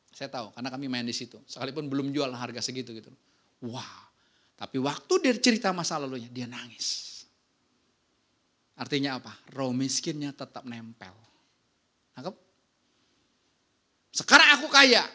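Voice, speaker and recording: A pastor preaching a casual, lively sermon, telling stories and often checking in with the congregation. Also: male voice, medium pitch. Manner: casual, slangy preaching with anecdotes.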